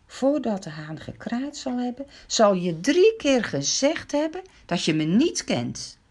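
A woman's voice: on the high side, very animated, unhurried, darkish tone. A woman telling a Bible story to children, dramatic and full of questions to the listeners.

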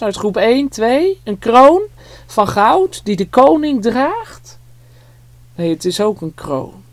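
A storyteller telling a Bible story to small children, drawing them in with dramatic, vivid telling. The pace is slow and deliberate. The sound is close and completely dry. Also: medium pitch, no echo.

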